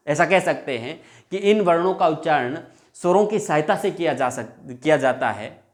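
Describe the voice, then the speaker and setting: A male teacher giving a classroom lesson, repeating each point and drawing out example sounds, calling viewers his friends. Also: a little high. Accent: Hindi.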